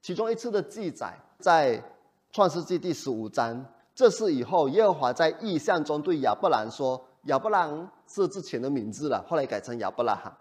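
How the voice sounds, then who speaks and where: A male pastor preaching a sermon in an animated way, often putting rhetorical questions to the congregation. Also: a little high, normal speed.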